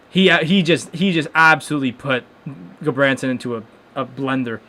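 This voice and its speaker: A young man hosting a live hockey watchalong, reacting casually and excitedly with lots of restarts and stunned exclamations. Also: medium pitch, normal speed. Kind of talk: casual live game commentary.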